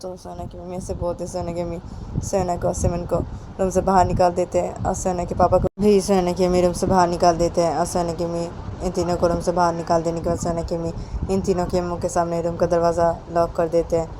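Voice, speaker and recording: A woman's voice: fairly low pitch, completely flat delivery, a little fast, noisy background. A woman narrating a story casually, often repeating herself and restarting phrases. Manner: repetitive, restarting.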